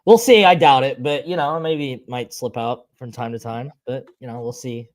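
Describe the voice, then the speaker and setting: A man's voice: mid-range voice, normal speed, no echo. A man from Australia co-hosting a casual sports podcast, easygoing and agreeable, often answering briefly. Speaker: podcast co-host.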